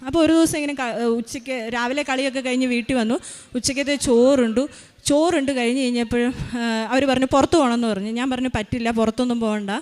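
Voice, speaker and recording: A Malayali woman, a mother, giving a spoken personal testimony in a halting way, with many restarts and fillers. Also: on the high side.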